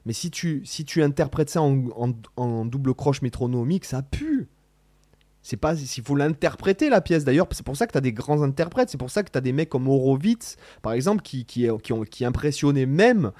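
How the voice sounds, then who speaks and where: A man rants casually to his camera about guitar playing, in a mellow, darker voice. He talks in bursts, stressing words hard, trailing off and restarting often. The sound is dry and close, with no room around it. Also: mid-range voice, no room sound. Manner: animated, rambling, emphatic, slangy, many restarts. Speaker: guitar teacher vlogger. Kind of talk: casual spoken vlog to camera.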